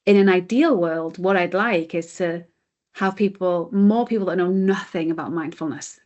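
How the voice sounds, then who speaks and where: A British woman, the chief executive of a mindfulness charity, is the guest in a conversational interview, giving earnest, explanatory answers. Her voice is fairly low with a darkish tone, her pace is moderate, and the audio sounds dull.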